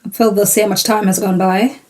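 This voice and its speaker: A young woman hosting a reaction video, chatting casually with animated exclamations and laughter. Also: medium pitch, fairly quick.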